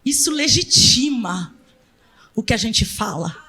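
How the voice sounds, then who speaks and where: A middle-aged woman with a Brazilian accent preaching a sermon in a church. She tells stories animatedly, acts out family members and shouts for emphasis. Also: fairly high pitch, lively intonation, slow, slight background noise. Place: church sanctuary.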